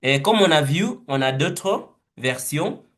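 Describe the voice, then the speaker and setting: A man leading a teaching webinar, thinking aloud slowly and hesitantly as he walks through a word game. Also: a little high, expressive, fairly bright tone. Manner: slow, hesitant, thinking aloud with repeated words.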